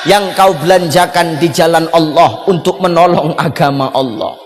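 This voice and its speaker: A male preacher giving a humorous sermon, joking and shouting lines for emphasis. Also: fairly high pitch, normal speed, in a large hall, slight background noise.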